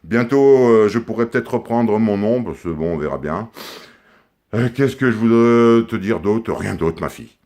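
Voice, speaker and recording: A man with a very low, deep voice delivers a rambling comic monologue. He drifts from one crude joke to the next in a confiding tone, as if talking to his daughter. The voice is close to a handheld camera. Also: expressive, normal speed, darkish tone. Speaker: comic character sending a video message to his daughter.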